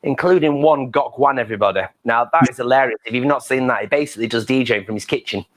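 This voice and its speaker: A man's voice: mid-range voice, fast. A man hosting an interview in a playful, teasing, camp manner. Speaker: host. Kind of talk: casual interview chat.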